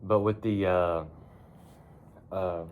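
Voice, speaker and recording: A man's voice: low-pitched, steady tone, slow pace, phone-quality sound, a little hiss or hum. A man chatting casually to his phone in a barn, rambling in a laid-back, folksy way with casual cursing. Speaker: vlogger. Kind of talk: casual rambling chat to camera.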